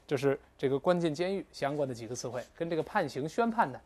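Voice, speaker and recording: Man, English teacher, vocabulary lecture, animated, frequent interjections. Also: on the high side. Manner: animated, drawn-out pronunciation drills, frequent "哎" interjections.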